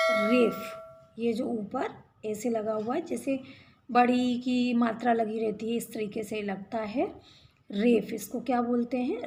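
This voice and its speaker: A woman's voice: a little high, darkish tone, slight background noise. A woman teaching a reading lesson, patiently repeating each word and asking check questions. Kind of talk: slow children's reading lesson.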